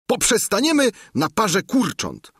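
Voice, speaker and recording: A man's voice: high voice, huge pitch swings, a little slow, a bit bright, breathy edge, dry recording, clean studio sound, pitched above the performer's own voice, exaggerated voice. A man voicing a blunt, hungry peasant squire who is pushy and impatient, in an audiobook reading. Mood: demanding.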